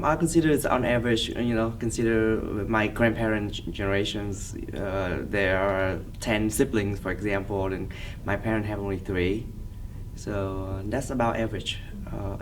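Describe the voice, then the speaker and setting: A Vietnamese man in his thirties, speaking with a Vietnamese accent in his native language, recalls past events in an oral history interview. He answers haltingly, pausing often as he hunts for words, in a lowish voice with fairly even intonation. The mic seems somewhat distant, and there's faint background noise.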